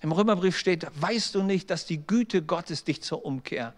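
A middle-aged male pastor with a fairly high voice delivers a lively, story-driven sermon. He slips into the voices of the people in his anecdotes, then turns and speaks straight to his listeners. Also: normal speed. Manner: storytelling preacher, acts out quoted voices, direct address to listeners.

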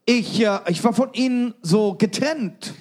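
A man interpreting a sermon live, phrase by phrase, with quick restarts and fillers. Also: high-pitched, a little mellow.

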